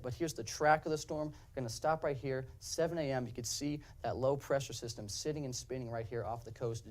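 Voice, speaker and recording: A young man with a mid-range, darkish voice that sounds slightly hoarse presents a broadcast weather forecast. He keeps an upbeat presenter style as he walks viewers through the map.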